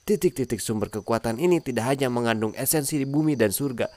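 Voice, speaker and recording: A man's voice: mid-range voice, fast talker, darkish tone, no echo, lightly acted. A man voicing a proud, fearless young male martial cultivator in a comic recap, reading his cold, clipped lines in his own plain narrating voice. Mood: calm.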